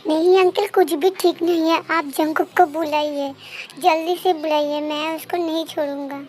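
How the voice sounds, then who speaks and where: A woman voicing a fiercely loyal young woman in a fan-dubbed story, loud, accusing and demanding. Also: extremely high pitch, steady tone, moderate pace, a little hiss or hum. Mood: furious. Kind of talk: fan dub story voice acting. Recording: faint background music.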